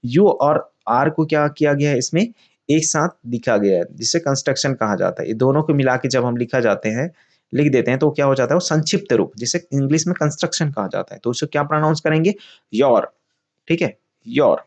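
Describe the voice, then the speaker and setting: A man's voice: medium pitch, quick pace. A man teaching English vocabulary in Hindi. He often asks a question and answers it himself, repeats key words, and calls his viewers friends.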